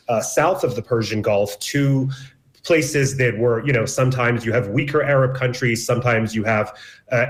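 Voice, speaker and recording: A man from Iran answers questions as a radio interview guest. He explains in a measured, analytical way, now and then restarting a phrase. His voice sits at an ordinary middle pitch.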